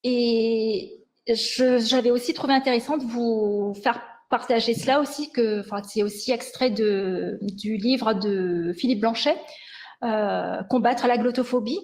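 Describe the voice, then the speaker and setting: A woman's voice: a little high, measured pace, darkish tone. A woman giving a lecture with slides on language sciences, speaking hesitantly and often restarting and correcting herself.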